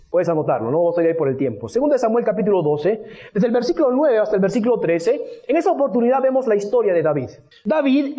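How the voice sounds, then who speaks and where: A man preaching a sermon, his voice swinging high and low as he preaches. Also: dark tone. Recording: dull lo-fi radio broadcast.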